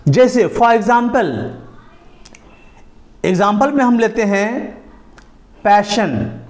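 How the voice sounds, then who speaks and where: A man giving a spoken pronunciation lesson, spelling words out letter by letter and repeating each rule slowly. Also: high-pitched, expressive. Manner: repeats each point slowly, drawing out letters and falling at phrase ends. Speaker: English pronunciation teacher.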